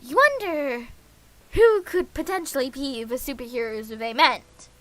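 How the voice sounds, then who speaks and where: Her voice sits high, animated and a little slow, with a slightly bright tone on a dry recording. The streamer reads a visual novel aloud with playful asides, muttering to herself and scatting bits of nonsense.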